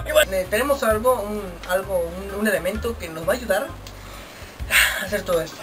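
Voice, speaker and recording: A Mexican man chats with his friends in a loose, slangy, joking way, swearing freely and repeating himself. He is picked up from a distance, with music clearly playing behind him. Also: sits high. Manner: slangy, profane, repeats phrases excitedly. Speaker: challenge host and contestant. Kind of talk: casual, joking chat among friends.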